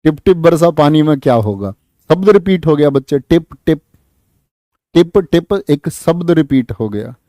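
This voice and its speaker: A man teaching an exam-prep class, lively, asking students questions and answering them himself. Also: fairly high pitch, no echo. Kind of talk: online exam-prep lesson.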